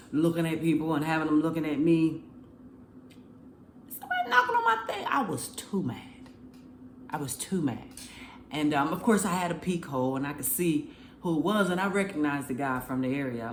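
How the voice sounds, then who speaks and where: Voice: mid-range voice, reverberant, a little hiss or hum. A faith vlogger giving a casual, earnest spoken testimony, rambling and emotional, recorded at home in an apartment.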